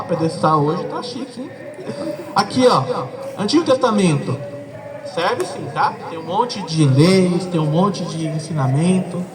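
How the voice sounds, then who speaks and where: Brazilian pastor guy preaching, high voice, sounds far off the mic with the congregation around. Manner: conversational, emphatic, addresses the listener directly. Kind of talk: sermon. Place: church service with a congregation.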